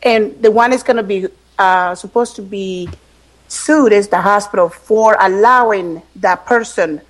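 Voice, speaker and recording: A woman's voice: mid-range voice, unhurried. A woman on an internet radio panel, talking bluntly and emphatically, with casual swearing.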